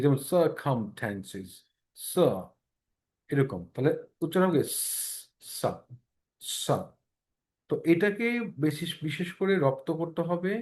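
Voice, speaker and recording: A man's voice: mid-range voice, a little mellow. A man teaching an online English pronunciation class, explaining sounds patiently, repeating them many times, and checking in often with his listeners. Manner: explains slowly, repeats sounds and tongue twisters with drawn-out English phrases.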